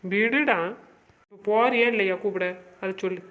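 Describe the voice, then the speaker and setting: A man's voice: high-pitched, normal speed, natural voice. A man playing a pushy, nagging young friend. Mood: urging. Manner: coaxing, nagging. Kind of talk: amateur web drama acting. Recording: dull lo-fi recording.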